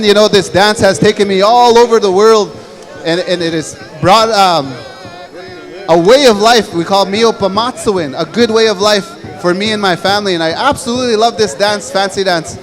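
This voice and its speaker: A man with a distinctly high voice speaks to young men at a powwow. His delivery is earnest and conversational, in the style of a motivational talk built on personal storytelling. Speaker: fancy dancer addressing young men at a powwow.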